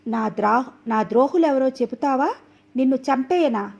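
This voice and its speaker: A woman voicing an angry, deluded young man who shouts orders, believing he is the caliph, in a storybook reading. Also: high voice, normal speed, gravelly, muffled recording, a little hiss or hum. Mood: furious. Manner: shouting, abusive, commanding.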